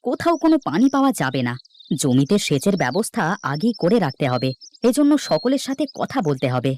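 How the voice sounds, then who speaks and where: A man's voice: fairly high pitch, wildly swooping pitch, fairly quick, darkish tone, slight background noise. A man voicing a stern, grumbling village farmer and father in a cartoon, talking with sarcasm. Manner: scolding, sarcastic. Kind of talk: cartoon voice acting.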